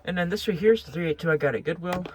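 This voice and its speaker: This high-voiced American man races through an unscripted show-and-tell of his radio collection at home. He rambles, hesitates, and often corrects himself, and the recording is very noisy.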